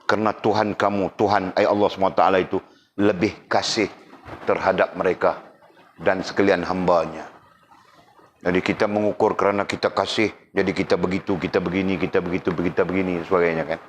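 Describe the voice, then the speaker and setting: A man's voice: low voice, steady tone, fairly quick, slight background noise. A male religious teacher gives a casual classroom lecture. He keeps checking that his students understand and teases them with jokes.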